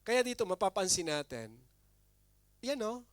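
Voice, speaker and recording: A man preaching a sermon as pastor, animated, with big swings between loud and soft. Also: high voice, a little slow, clean tone, dry recording.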